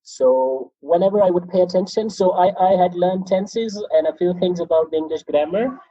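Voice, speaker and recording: Speaking at a normal pace in a high, slightly rough voice, the Pashto-speaking teacher from Pakistan reflects on learning English, his Pakistani accent clear. Lively and thoughtful, he frequently laughs at his own expense during the conversational interview. The recording is dry and dull.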